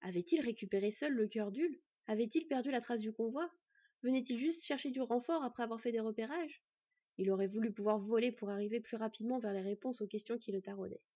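A woman narrating a fantasy story in an even, measured reading. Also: a little high, slightly rough, no room sound. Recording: dull, dry recording.

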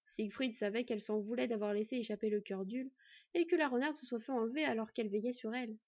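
Woman reading a fantasy story aloud, mellow dark voice, kinda dull dry recording. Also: fairly high pitch, fast talker, no room sound. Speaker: narrator.

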